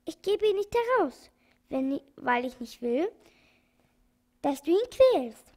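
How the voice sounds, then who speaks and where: A woman voicing a kind, gentle old male animal doctor in a children's audiobook, calm but firm. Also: high voice, unhurried. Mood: firm, protective.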